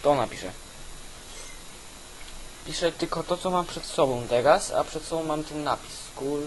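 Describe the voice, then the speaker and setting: A man giving casual, halting gameplay commentary, thinking aloud as host on an old weak microphone. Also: on the high side, rough recording. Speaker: gaming video host. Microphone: old cheap weak microphone. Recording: constant hiss from weak microphone.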